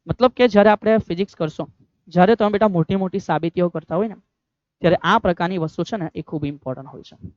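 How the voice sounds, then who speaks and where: A man teaching physics in a quick, high voice with a Gujarati accent, fatherly toward his students and constantly asking them questions. The sound is dry and slightly dull, with no room echo at all. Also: darkish tone. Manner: fatherly, keeps calling students "beta", asks rhetorical questions. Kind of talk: online exam-prep lecture.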